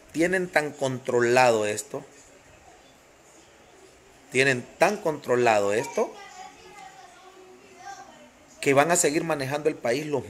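A man with a Honduran accent ranting passionately on a live stream, greeting viewers by name and repeating phrases for emphasis. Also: medium pitch. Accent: Honduran Spanish.

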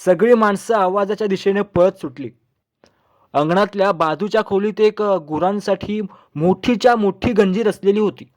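A man reading a humorous story aloud as narrator, in a lively, expressive way. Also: sits high, normal speed, no room sound, clean studio sound.

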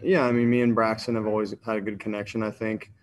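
A young quarterback speaks in a low, flat, subdued voice over a desk mic on a video call. He fills his answers with ums and the same stock phrases. It is a postgame press conference. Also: fast. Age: 20s. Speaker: football quarterback. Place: indoors in front of a sponsor backdrop.

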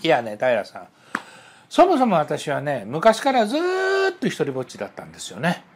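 A man's voice: fairly high pitch, huge pitch swings, moderate pace, a little hiss or hum, pitched above the performer's own voice. A man acting out an adult woman client who tells of a lonely childhood, in a chatty, confiding way.

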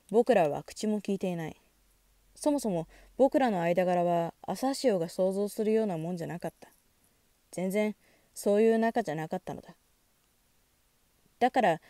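A woman reads a novel aloud in a calm, measured first-person narration. Her voice is mellow and warm at a middle pitch, and the recording is close and dry with no room sound. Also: dry recording. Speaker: audiobook reader.

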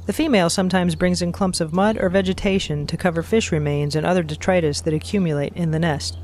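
A man reading scripted nature documentary narration in a measured, factual, explanatory manner. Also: high voice, steady tone, a little mellow, a little hiss or hum.

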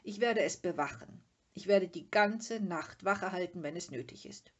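A woman's voice: mid-range voice, lively intonation, a little slow, dark tone, slightly rough, dull audio. A woman voicing a fussy, proud troll father who is easily offended, talking in an indignant, lecturing way. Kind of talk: storybook reading.

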